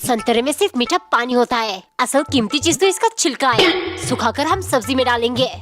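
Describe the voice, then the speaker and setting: A stubborn, miserly husband who argues over every little thing, as a woman puts him on in a high cartoon voice. Loud music runs behind him. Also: expressive, brisk. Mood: lecturing. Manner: stubborn, arguing. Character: quarrelsome miserly husband, adult.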